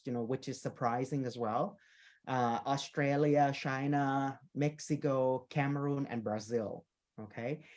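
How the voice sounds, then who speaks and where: A Thai teacher trainer presents her work at a conference in a mid-range, darkish voice. She explains things patiently, often says "you know," and keeps checking in with the audience through "okay?" and "right?".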